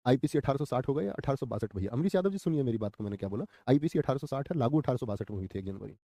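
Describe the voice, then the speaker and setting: A young man runs a live online exam class, firing off questions and repeating each answer for the viewers. His voice is mellow and dark, the pitch rising and falling a lot. The room around him is dry and close. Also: lively intonation, racing, no room sound. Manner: quizzing, repeats answers, addresses viewers as friends. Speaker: exam coaching teacher.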